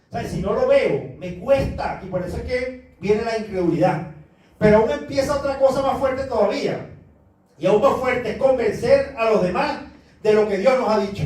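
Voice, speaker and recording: A man's voice: extremely high pitch, a little mellow. A man preaching a sermon as pastor, earnest and conversational, with many rhetorical questions. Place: church. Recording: echoey church hall, mic far off.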